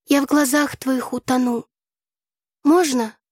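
A woman voicing a sharp-tongued young drama student who declaims poetry theatrically and mocks others in an audiobook. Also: high voice, steady tone, takes it slowly, husky, no room sound, studio quality, voice pushed up, exaggerated voice. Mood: declaiming. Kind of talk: audiobook character voice.

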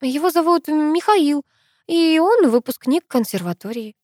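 A woman voicing a nervous young woman who squeaks when she lies. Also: animated, a little slow, a little mellow, no echo, clean studio sound. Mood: flustered. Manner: squeaky, flustered. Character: nervous young woman, the narrator, bad at lying.

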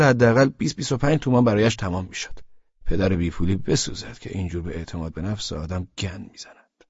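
A man's voice: sits low, a little mellow, slightly rough, dry recording, muffled recording. A man narrating a first-person audiobook in a wry, colloquial storytelling manner.

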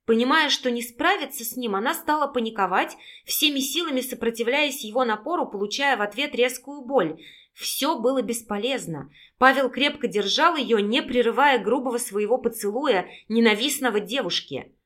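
A woman reading a romance novel aloud with dramatic, expressive narration. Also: on the high side, normal speed. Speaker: audiobook narrator.

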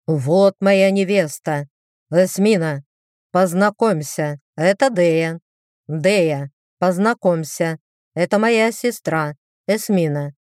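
A smug male demon, as a woman reads him, drawling his lines slowly and a touch lower than the narration. There is a teasing edge in how he draws the words out. The sound is dry and close, with no room around it. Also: a little mellow, dry recording.

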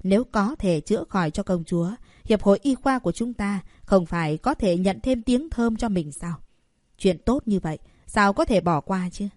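A woman's voice: medium pitch, lively intonation, normal speed, a little mellow, dry recording, clean studio sound, lightly acted. A woman voicing a scheming, condescending male chairman of a medical association.

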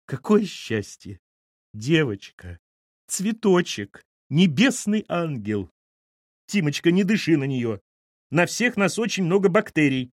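A man's voice: on the high side, animated, moderate pace, dry recording, clean studio sound, voice pushed up, natural voice. A man voicing a fussy, tearful grandmother who gushes sentimentally in an audiobook. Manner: gushing, sentimental.

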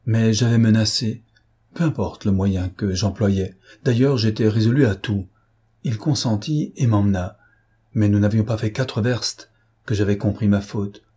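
A young woman, impulsive yet tender, pours out her heart in a low, soft-edged voice, as a male audiobook reader puts her on. She speaks earnestly and a little shyly, with a mellow, husky tone. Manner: confessing earnestly, then shy and tender. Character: impulsive young woman, tearful then happy. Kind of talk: audiobook character reading.

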